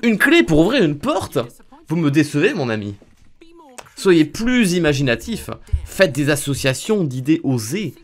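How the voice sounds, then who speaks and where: A man's voice: on the high side, sing-song, unhurried. A man reading the lines of a clever, haughty male detective in a video game, in a lofty, theatrical way.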